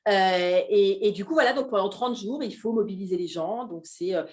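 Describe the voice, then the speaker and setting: A woman's voice: mid-range voice, normal speed. Chatty Frenchwoman chef, many fillers. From Alsace, France. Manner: animated, hesitant with many fillers. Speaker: guest chef. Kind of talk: casual talk at a live café event.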